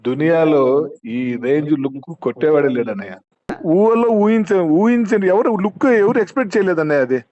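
A man on a phone line, an excited fan talking effusively to a film star and repeating "brother" again and again. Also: a little high, fairly quick. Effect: heard over a phone line. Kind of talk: phone conversation. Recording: muffled, dry phone-call audio.

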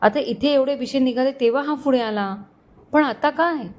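A woman's voice: high-pitched, normal speed, darkish tone, a little hiss or hum, voice pushed up, close to an everyday voice. A woman narrator voicing a young married woman who speaks in an emotional, pleading way. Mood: hurt, earnest.

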